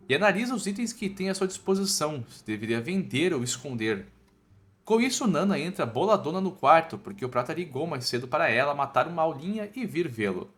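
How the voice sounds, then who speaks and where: Here a man with a Brazilian accent, his voice somewhat high and a little bright, tells a scripted comic story recap. His delivery is playful and colloquial, with background music underneath.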